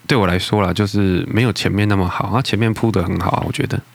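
A man's voice: on the low side, steady tone, fast talker, vocal fry, no room sound. A man with a Taiwanese accent in casual chat, giving laid-back, short, noncommittal replies.

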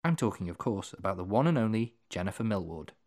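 A man's voice: on the low side, sing-song, fast talker, heavy background noise. A man hosting a podcast, welcoming his guest and introducing topics in an upbeat way. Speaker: podcast host.

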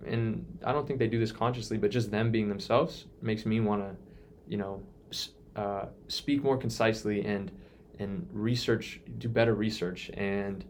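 Earnest young man, lowish voice. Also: fairly even intonation, normal speed, hardly any pauses, slight background noise. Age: 20s. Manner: earnest, reflective, many restarts. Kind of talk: casual conversation.

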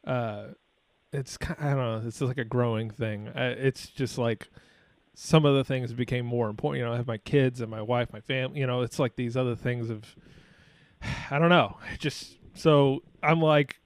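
A man's voice: mid-range voice, steady tone, normal speed, dry recording. A man in his thirties hosting a podcast interview, who rambles and often stammers and repeats words. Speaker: podcast host. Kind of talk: casual interview chat.

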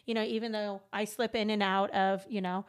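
A woman's voice: medium pitch, little pitch movement, brisk, clear, resonant tone. A middle-aged woman from Los Angeles co-hosting a casual chat, talking animatedly, slipping into accents and laughing often. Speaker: podcast co-host.

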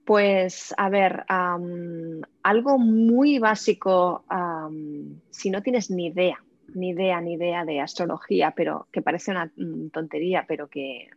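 A woman's voice: fairly low pitch, takes it slowly. A woman in her forties, an astrologer guest chatting in a podcast interview, hesitant, with many fillers and restarts. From Spain. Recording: muffled lo-fi audio.

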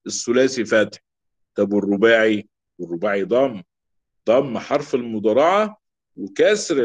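Egyptian guy teaching grammar, says words over and over, mid pitch, kinda muffled lo-fi audio. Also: darkish tone. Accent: Egyptian Arabic. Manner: repeats example words slowly, drilling. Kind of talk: classroom lesson. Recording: dull lo-fi recording.

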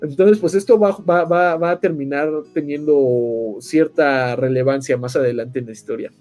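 High-voiced Mexican man telling a slangy story. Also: normal speed, a little mellow, soft background music. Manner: slangy, swearing, conversational. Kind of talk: casual, animated story recap with acted-out dialogue.

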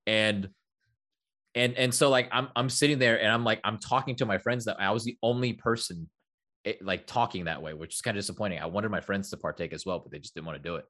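A man's voice: lowish voice, fast talker. Rambling young man telling a story. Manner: rambling, repeats words, animated storytelling. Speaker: podcast co-host. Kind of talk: casual chat.

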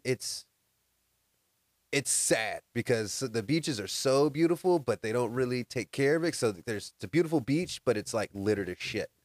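A man's voice: mid-range voice, no echo, studio quality. A man from the United States in casual chat who laughs often while telling stories and quoting people.

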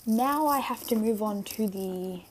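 A young woman sick with tonsillitis, chatting casually and haltingly on a solo podcast, rambling and interrupting herself. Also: mid-range voice, a little hiss or hum. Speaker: podcast host.

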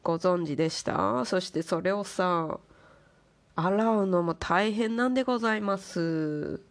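Speaking unhurriedly in a fairly low voice, a woman host talks casually to her listeners in a monologue, playfully adopting the ornate, polite manner of a refined lady.

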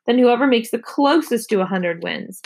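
A woman's voice: a little high, expressive, normal speed, darkish tone. Woman doing a sassy, stubborn little girl. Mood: scheming. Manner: sassy, defiant retorts.

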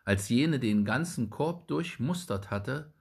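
A man reading a fairy tale aloud as narrator in a measured storytelling manner. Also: medium pitch, lively intonation, gravelly, breathy edge.

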